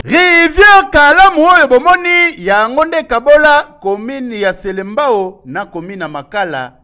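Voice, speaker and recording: A man with a Congolese accent reporting and commenting emphatically as a video news reporter. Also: fairly high pitch.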